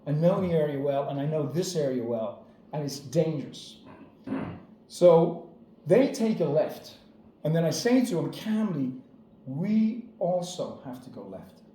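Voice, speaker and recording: A man's voice: on the high side, dark tone. A man telling a personal anecdote dramatically, building suspense. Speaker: storyteller. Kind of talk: personal anecdote told to an audience. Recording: roomy echo.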